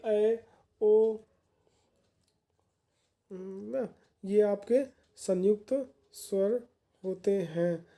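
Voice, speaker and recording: A woman's voice: medium pitch, warm tone, a little hiss or hum. A woman teacher giving a grammar lesson for exam candidates, explaining patiently and repeating points in plain words.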